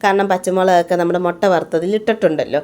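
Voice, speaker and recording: Speaking fast in a lowish, slightly mellow voice, a Malayalam-speaking woman vlogger narrates her home day in a casual voice-over about cooking and her child. She frequently tags her sentences with "you know."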